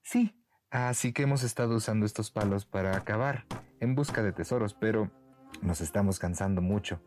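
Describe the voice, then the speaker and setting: A man's voice: fairly low pitch, moderate pace, darkish tone, soft background music, close to an everyday voice. A man voicing a clever, sly young peasant woman in a bedtime story, speaking sweetly and teasingly. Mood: confiding. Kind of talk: storybook character voice.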